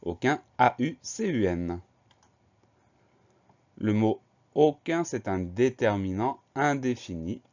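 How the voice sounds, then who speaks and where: A man's voice: fairly low pitch, expressive, slow, long pauses, darkish tone, lo-fi sound. A man teaching a spelling lesson for children, patiently spelling each word letter by letter.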